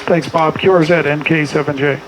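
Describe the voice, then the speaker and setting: During an amateur radio contest, a middle-aged man in a small home radio room reels off short exchanges and phonetic spellings. His fairly high voice stays steady and fairly quick, over clear background noise.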